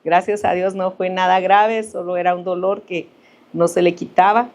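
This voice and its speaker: Middle-aged woman preaching, animated testimony. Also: normal speed. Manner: animated storytelling, rises in pitch for emphasis. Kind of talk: sermon with personal testimony.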